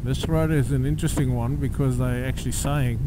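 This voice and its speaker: A man with a South African accent giving halting, filler-laden commentary while riding a motorbike along a coastal highway. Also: steady tone. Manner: halting, many fillers and restarts. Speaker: touring cyclist vlogger. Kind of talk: casual travel commentary. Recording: road and engine noise.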